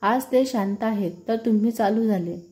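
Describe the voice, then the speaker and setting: A woman's voice: on the high side, normal speed, a little mellow, lightly acted. Vidya, a woman voicing a chatty teasing friend. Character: lively, curious young woman friend.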